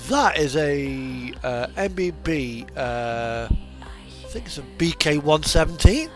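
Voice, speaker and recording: A British man streams a truck driving simulator, chatting loosely and a little hesitantly. He speaks slowly in a voice on the high side with lively intonation, over music and engine sounds.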